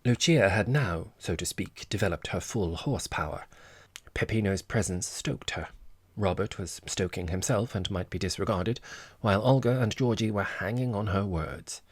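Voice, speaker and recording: A man reads a comic novel aloud in a measured, wry narrating voice. His pitch sits on the low side with a slightly husky texture. The recording is dry and close, with no room sound. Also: no echo. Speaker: audiobook narrator.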